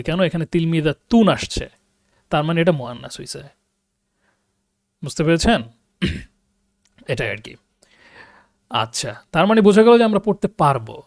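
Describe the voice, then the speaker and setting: A man teaching a beginners' language class online, explaining patiently, reading example sentences slowly and translating each one, often asking if students follow. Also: high voice, dry recording, clean studio sound. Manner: explains patiently, checks understanding with questions. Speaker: Arabic teacher.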